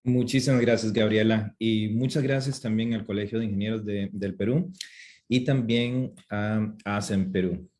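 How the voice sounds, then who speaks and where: Costa rican guy lecturing on a video call, deep mellow voice, lots of uhs and restarts. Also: fairly even intonation. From Costa Rica. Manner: halting, many fillers and restarts. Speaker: webinar speaker. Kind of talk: lecture presentation. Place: home office with two screens.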